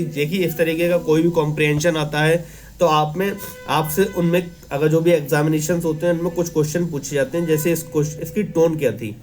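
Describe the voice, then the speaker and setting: Man, exam-prep tutor, slightly high voice, calm reflective manner, reads English slowly then explains in Hinglish. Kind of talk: Hindi lecture explaining an English editorial.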